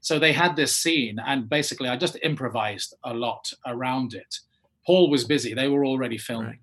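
An English man, an actor, telling a lively anecdote in a casual interview and acting out the other people's lines. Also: medium pitch, moderate pace, husky. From England. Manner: animated storyteller acting out quoted voices. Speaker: actor guest.

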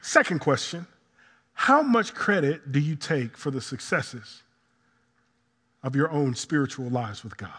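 A male pastor preaching a sermon with dramatic swings from loud peaks to quiet, low passages. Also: lively intonation, a little slow, pauses often, slightly rough, in a large hall. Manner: impassioned preaching with dramatic swings of pitch and volume.

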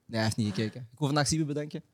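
A man with a Belgian Dutch accent hosting a football talk show in casual banter, excitable, repeating phrases and dropping in French slang. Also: medium pitch, very fast, slight background noise. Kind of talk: animated casual chat with banter.

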